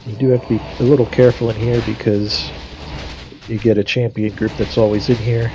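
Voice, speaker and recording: Streaming a game, a man with a lowish voice made stuffy and nasal by a cold casually explains his moves, thinking aloud with many fillers. There's noise in the background.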